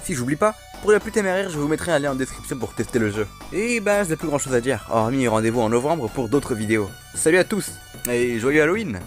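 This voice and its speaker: A man's voice: mid-range voice, sing-song, brisk, hardly any pauses, faint music behind. A man hosting a video, casually recounting an internet horror legend in a chatty, joking way and talking straight to his viewers. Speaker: host.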